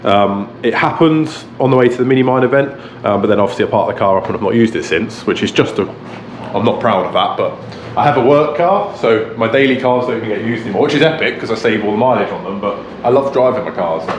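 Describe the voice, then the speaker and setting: A car restoration vlogger and presenter talks casually to camera, explaining things in a loose, rambling way. His voice sits on the low side, with lively intonation and a fast pace. The room has a roomy echo and faint background noise.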